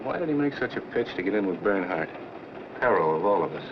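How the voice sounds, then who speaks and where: Fast-talking, suspicious man, old film. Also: low-pitched, animated. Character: suspicious, earnest American man on a European train. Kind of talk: 1940s film acting. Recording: muffled, noisy old film soundtrack.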